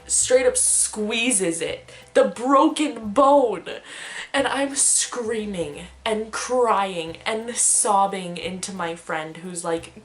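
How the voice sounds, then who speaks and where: Young woman vlogging a storytime, laughs a lot, mid pitch, faint music in back. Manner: animated, laughs often while telling. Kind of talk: casual storytime vlog.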